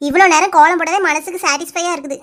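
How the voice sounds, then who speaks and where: Woman doing cartoon village auntie, kanyakumari tamil accent, squeaky high voice, fussy and caring. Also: racing, heavy background noise. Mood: bustling. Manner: bossy, fussing, affectionate. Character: kindly motherly village woman, middle-aged. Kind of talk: cartoon voice acting.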